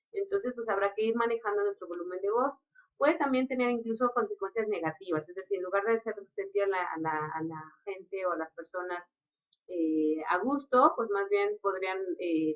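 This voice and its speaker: A woman explains her points in an unhurried, teaching manner. Her voice sits in the middle range for a woman. The recording is dull and lo-fi. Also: medium pitch. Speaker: lecturer. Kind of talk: recorded lecture.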